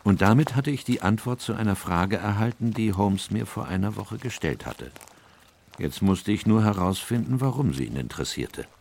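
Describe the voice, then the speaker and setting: Earnest doctor-narrator for radio play: low, expressive range, measured and reflective. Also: male voice, creaky, slight background noise. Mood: sombre reflection. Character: Doctor Watson, earnest male doctor and troubled narrator. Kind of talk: radio drama narration and dialogue.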